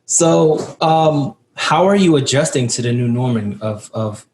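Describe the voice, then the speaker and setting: A man's voice: mid-range voice, a little slow, noisy background. Rambling man hosting a podcast. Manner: rambling questions with many fillers. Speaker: podcast host. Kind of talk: casual interview chat.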